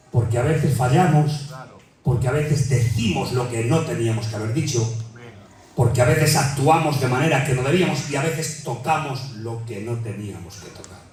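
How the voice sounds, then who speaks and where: Fervent Spanish preacher in an echoing hall. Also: male voice, mid-range voice. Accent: Peninsular Spanish. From Spain. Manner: fervent, rises to near-shouting, repeats "hermanos". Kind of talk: sermon. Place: church hall. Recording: very echoey hall, mic far off, faint music.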